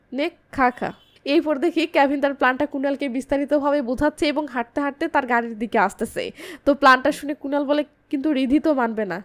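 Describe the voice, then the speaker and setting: A woman narrates a film recap in a high, clear voice. She moves briskly through the plot and gives the characters' lines a touch of emphasis without fully acting them. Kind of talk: movie recap narration with quoted dialogue.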